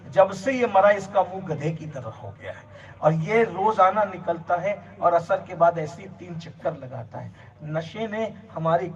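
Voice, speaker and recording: Fairly high-voiced man preaching a sermon. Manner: emphatic, builds long repeated lists. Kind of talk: religious sermon. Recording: distant, dull lo-fi sound.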